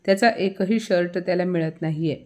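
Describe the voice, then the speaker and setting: A woman's voice: on the low side, brisk, a little mellow, natural voice. A woman voicing a proud older mother-in-law who scolds sharply in a family story. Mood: scolding.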